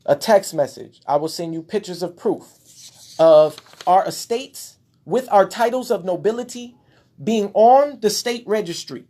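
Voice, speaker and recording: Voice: medium pitch, lively intonation, a little slow, warm tone. Impassioned speaker, preachy and emphatic. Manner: preachy, emphatic, exclaims at times. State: out of breath. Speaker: speaker addressing followers. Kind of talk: impassioned monologue showing documents.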